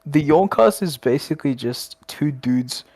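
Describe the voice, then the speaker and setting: A man's voice: fairly high pitch, animated, unhurried, darkish tone, no echo. A young Australian man co-hosting a casual late-night podcast, rambling and joking with frequent laughs. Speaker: podcast co-host.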